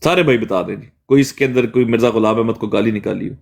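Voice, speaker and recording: A man's voice: on the low side, quick pace, vocal fry, darkish tone. A man hosting a heated religious debate stream, accusing and lecturing. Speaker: host reviewing clips.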